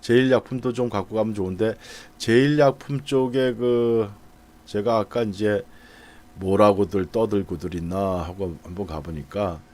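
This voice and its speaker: A man's voice: lowish voice, steady tone, normal speed, darkish tone. A middle-aged man, chatting through stock charts to his viewers, thinking aloud with fillers. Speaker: stock market commentator. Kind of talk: casual market commentary over charts.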